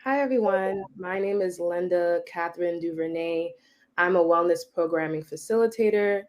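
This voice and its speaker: A woman with a notably low voice introduces herself as a wellness facilitator. She speaks calmly and steadily on an online panel.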